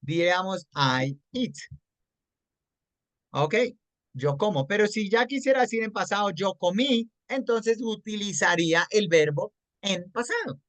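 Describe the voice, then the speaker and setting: Slow, patient Colombian English teacher. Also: medium pitch, fairly bright tone, no echo. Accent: Colombian Spanish. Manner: patient, checks understanding often; mixes English words into Spanish explanation. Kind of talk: explaining grammar to a student. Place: online class.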